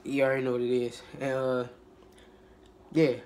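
A young YouTuber with a cold rambles through a casual mukbang vlog at normal speed. He's laid-back and low-energy, full of fillers and restarts.

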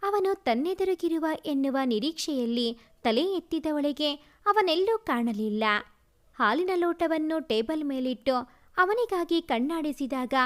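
A woman narrating a romantic family story in an expressive reading. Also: sits high.

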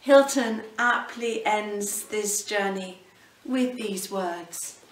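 Standing in an indoor hallway at the bottom of a staircase, a middle-aged cathedral canon offers a devotional reflection for her series. Her medium-pitched voice moves slowly with gentle emphasis, heard from medium distance from the camera, slightly off-mic in a roomy echo.

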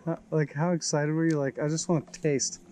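A man's voice: fairly high pitch, flat delivery, brisk, mellow, a little hiss or hum. A young man chatting casually and joking while fishing from a small boat on a lake, recorded on an action camera. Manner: laid-back, joking, swears freely. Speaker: fishing vlogger.

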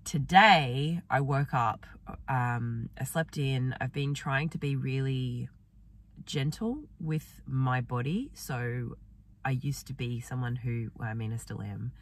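A woman vlogger talking softly and gently in a reflective personal diary, her voice affected by a sore, swollen throat. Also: very deep voice, slow, far from the mic. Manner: soft, gentle, meandering, with many fillers.

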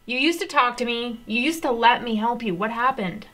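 Blunt, hurt woman friend and narrator; sharp, fairly high voice. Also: fairly quick. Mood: hurt, angry. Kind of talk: scripted web series with narration.

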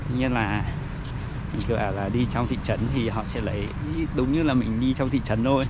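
A man with a medium-pitched voice chats casually as he walks through a town as a travel vlogger. His delivery is halting as he searches for words. Loud street and vehicle noise runs behind him. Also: fairly even intonation. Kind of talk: casual walking-tour commentary. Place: outdoors, walking through a town.

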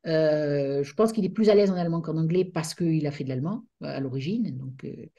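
A middle-aged woman delivers an academic lecture over a video call. Her voice is husky and mellow, sitting a little low. She talks hesitantly, often stopping to search for the right word. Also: fairly quick, dull audio. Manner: hesitant, searching for words with many fillers.

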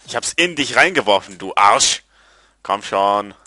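A man giving casual gameplay commentary, excitable and quick to curse, yelping at his failures. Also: on the low side, no echo. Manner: excitable, yelps and groans at failures. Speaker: let's player.

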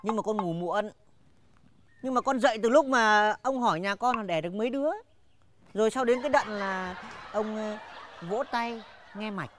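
A man's voice: sits high, normal speed, background noise, lightly acted. A man playing a cheeky young husband who works as a village crier, bantering and arguing back. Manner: bantering and argumentative. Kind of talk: sitcom acting.

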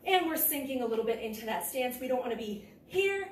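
A woman's voice: high voice, animated, a little fast. A young woman instructing a kickboxing workout, calling out moves in clipped cues as she exercises. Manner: physically exerting while talking, in clipped cues. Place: large indoor martial arts gym with mats. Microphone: far camera across the room. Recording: echoey gym, distant mic, noisy.

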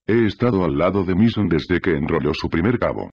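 A man voicing a gruff, scornful older pirate priest in an audiobook reading. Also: deep voice, animated, fairly quick, a little mellow, no echo, dull audio. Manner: scornful, blustering.

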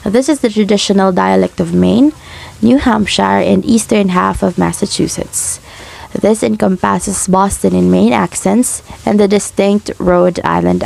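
Gravelly young woman presenting a lesson. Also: medium pitch. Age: young adult. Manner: steady, explanatory, slows down to sound out example words. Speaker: student presenter. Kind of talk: reading a class presentation.

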